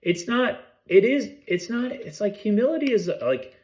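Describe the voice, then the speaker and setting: A man's voice: high voice, lively intonation, normal speed, darkish tone. A man co-hosting a podcast, talking in casual, rambling chat that often breaks off mid-thought, swearing freely. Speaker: podcast co-host.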